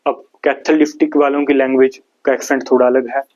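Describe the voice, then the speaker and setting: A man's voice: medium pitch, little pitch movement, fast, darkish tone, highs cut off. A man from India with a Haryanvi accent, teaching an exam-prep lecture, explaining step by step and asking and answering his own questions.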